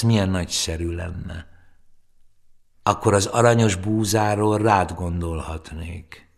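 Man reading as a wistful lonely fox, low gravelly voice, husky tone, slow musing delivery, storybook reading. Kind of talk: audiobook reading.

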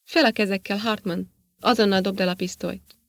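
Woman doing a bitter stubborn astronaut guy, defiant, a bit gravelly. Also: mid-range voice, steady tone, dry recording. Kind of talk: audiobook character reading.

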